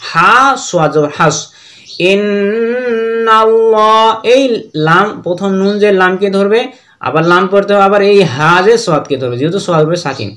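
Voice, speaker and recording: A man's voice: high-pitched, a bit bright. A man with a Bangladeshi Bengali accent teaching Quran reading, spelling words out letter by letter and chanting the verses. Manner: slow letter-by-letter drilling with sung recitation.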